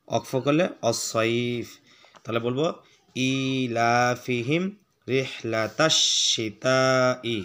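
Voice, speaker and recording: A man teaching Arabic handwriting step by step. He names each letter as he writes and slows right down to chant the finished words. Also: medium pitch. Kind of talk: step-by-step writing lesson.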